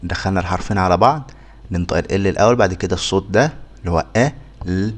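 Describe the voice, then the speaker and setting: A man with an Egyptian Arabic accent teaching a phonics lesson to beginners, sounding out letters one by one and repeating each word slowly. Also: low-pitched. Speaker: English teacher.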